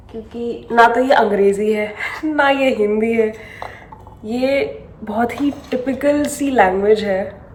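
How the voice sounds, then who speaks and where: A woman's voice: medium pitch, a little mellow, slight background noise. A young woman from India chatting casually in a home vlog, mixing in English phrases and laughing often. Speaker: vlogger. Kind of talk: casual chat.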